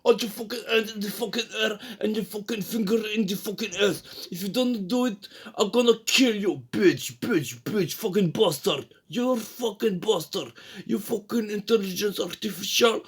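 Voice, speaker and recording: A man's voice: high voice, slightly rough, exaggerated voice. A man voicing a brash young male robber who swears constantly. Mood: aggressive. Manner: brash, rapid-fire, crude.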